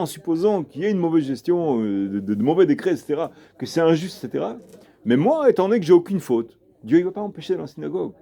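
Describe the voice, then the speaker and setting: A man's voice: on the high side, dark tone, husky. A man, a rabbi, giving an informal lesson and telling a story, emphatic and repeating himself as he talks straight to his listener.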